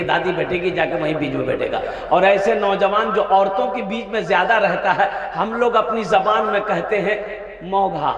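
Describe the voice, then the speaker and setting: A man preaching a sermon, telling lively stories and asking his listeners questions. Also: sits high, lo-fi sound. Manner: animated storytelling, acts out shouting characters, asks the crowd questions. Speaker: Islamic preacher. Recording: echoey hall.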